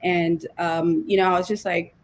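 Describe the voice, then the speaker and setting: A woman's voice: on the low side, little pitch movement, moderate pace. A woman in her twenties from Zimbabwe, a guest on an interview, talking in a hesitant way full of fillers and restarts. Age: 20s. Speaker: guest entrepreneur. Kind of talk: casual interview talk.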